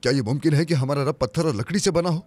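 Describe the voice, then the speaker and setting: A man's voice: a little high, rapid-fire, darkish tone, lightly acted. An actor dubbing a defiant young man who mocks a stone idol and speaks earnestly about one God, in a dubbed film. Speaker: young man rejecting idols. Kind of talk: Urdu dubbed film acting.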